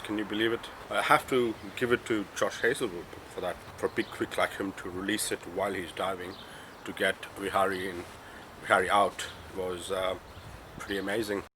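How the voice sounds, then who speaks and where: A man in his twenties with a cold and flu, chatting through a casual cricket match review, full of fillers and rising to excited emphasis. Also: lowish voice, normal speed, noisy background. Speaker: cricket vlogger.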